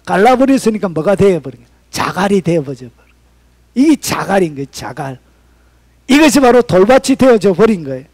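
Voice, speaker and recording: A male pastor preaching a sermon, swinging between loud cries and hushed whispers. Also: high voice, big pitch swings, fast, no room sound.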